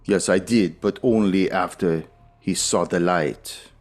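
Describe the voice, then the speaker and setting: A man playing a menacing cult zealot in a tabletop game, making slow, solemn, archaic pronouncements. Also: low-pitched, a little mellow, faint music behind. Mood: coaxing, ominous. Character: menacing cult zealot with eye patch, solemn, preaching release.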